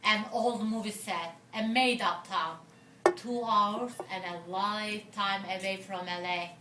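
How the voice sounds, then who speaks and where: A woman poet giving a slow, deliberate poetry reading in a bar. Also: mid-range voice, steady tone. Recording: roomy, distant mic with noise.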